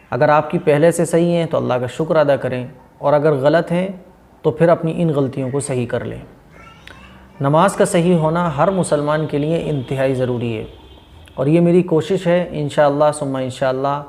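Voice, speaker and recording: Man teaching slow, careful prayer recitation. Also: a little high, darkish tone. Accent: Hyderabadi Urdu. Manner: slow, drawn-out model recitations between explanations. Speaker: Islamic teacher. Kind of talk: religious lesson on prayer pronunciation.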